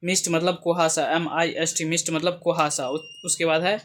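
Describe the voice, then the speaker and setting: A man teaching exam vocabulary, reading each word, spelling it out letter by letter and repeating its meaning in a steady way. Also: on the high side, moderate pace, a little hiss or hum.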